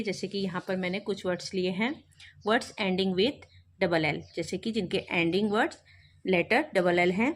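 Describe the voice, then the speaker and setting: Woman spelling out phonics words slowly. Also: mid-range voice. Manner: spells words letter by letter, then says them slowly. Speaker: teacher. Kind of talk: explaining a kindergarten English lesson.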